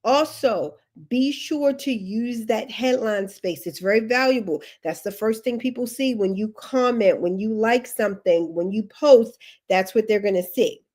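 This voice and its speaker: Her voice sits a little high with a darkish tone, and she talks a little slowly. As a career coach on a livestream, sniffly from allergies, she delivers emphatic advice, restates key instructions, and adds chatty asides.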